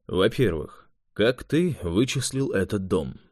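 A man voicing a gruff, grumbling senior male mage in an audiobook, speaking curtly, low and quiet. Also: animated, slow, dry recording, studio quality.

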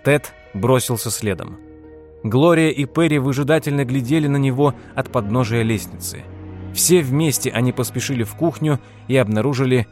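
A man narrating an audiobook in a steady, measured reading style. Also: mid-range voice. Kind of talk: scripted narration.

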